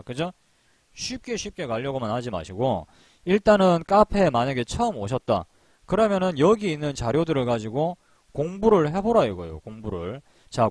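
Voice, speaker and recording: A man with a medium-pitched, slightly mellow voice gives a casual recorded stock trading lecture with no room sound. He's chatty and repetitive, laughs at his own jokes, poses rhetorical questions and uses frequent fillers, and his throat is sore from long phone calls.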